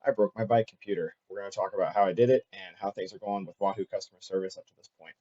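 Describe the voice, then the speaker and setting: Male vlog host, casual and unscripted, fast with halting fillers, somewhat mellow tone, slightly lo-fi recording. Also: sits low, steady tone. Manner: halting, filler-heavy delivery with frequent restarts. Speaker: cycling channel host.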